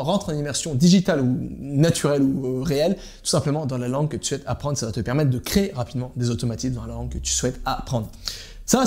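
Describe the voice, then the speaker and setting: A man's voice: on the high side, a little mellow. A man giving an informal language-learning lesson, speaking straight to the viewer and repeating his key points. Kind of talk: informal teaching monologue to camera.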